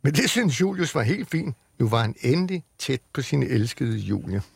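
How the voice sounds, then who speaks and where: A man on the radio, reading a children's book aloud with lively storytelling in a studio. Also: medium pitch, vocal fry, breathy edge. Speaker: radio reader.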